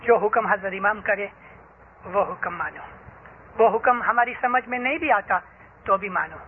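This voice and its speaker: A man preaching a sermon, telling stories and rising emphatically on his key points. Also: high-pitched. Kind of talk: religious sermon. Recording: tinny phone-like lo-fi recording with faint hiss.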